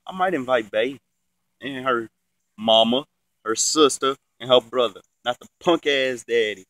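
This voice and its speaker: A man's voice: medium pitch, measured pace, a bit bright, dry recording. A young man with a congested, sniffly, stuffy-nosed voice, chatting casually and swearing freely in a slangy, laid-back vlog. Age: young adult. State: sick with the sniffles. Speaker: vlogger. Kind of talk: casual rambling vlog chat. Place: outdoors in a yard, reclining in a chair. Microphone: phone at arm's length.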